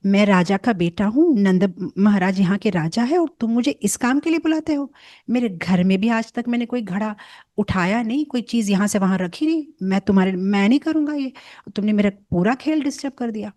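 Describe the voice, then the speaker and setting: A proud, indignant boy prince from a devotional story, huffy and raised in pitch, as a woman storyteller puts him on. The voice stays mellow and close, with a dry sound. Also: animated, brisk, no room sound, close to an everyday voice.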